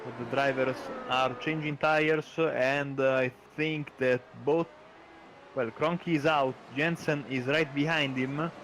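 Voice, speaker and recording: A male motorsport co-commentator talks through a live race, halting as he works things out aloud. His pitch is average, and car noise runs clearly behind him. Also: fairly even intonation. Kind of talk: live sim racing commentary. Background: race cars.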